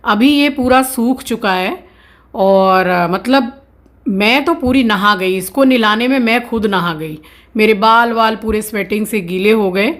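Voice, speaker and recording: A woman's voice: mid-range voice, a little slow, a bit bright. A woman vlogger at home, earnestly explaining how she cares for her pet dog. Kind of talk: casual explanatory vlog talk.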